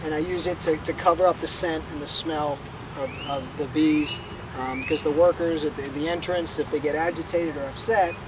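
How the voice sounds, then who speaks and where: A man in his forties teaching a beekeeping class, explaining practical points with plenty of fillers. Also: a little high. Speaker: beekeeping instructor. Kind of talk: hands-on teaching talk. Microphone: far camera. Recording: echoey and noisy from far off.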